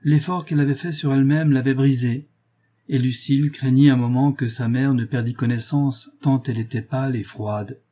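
A man narrating a novel chapter in a measured, even storytelling manner. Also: medium pitch. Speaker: audiobook narrator.

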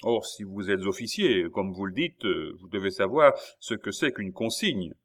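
Un homme lisant un livre audio et faisant la voix d'un officier du palais, formel et ferme. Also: male voice, fairly low pitch, expressive, normal speed. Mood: inflexible. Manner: formal, firm, by-the-book. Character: stiff dutiful male palace officer.

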